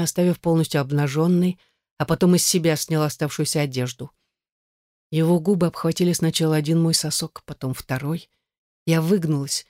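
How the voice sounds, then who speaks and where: Male audiobook reader, scripted narration, steady even delivery, slightly raised pitch, dry close sound. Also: no echo.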